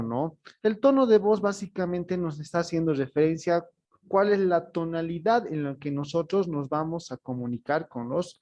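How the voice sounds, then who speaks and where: Guy teaching a customer service class, bit high voice, keeps tacking on little questions. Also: darkish tone. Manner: explanatory, ends phrases with tag questions. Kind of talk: online class lecture.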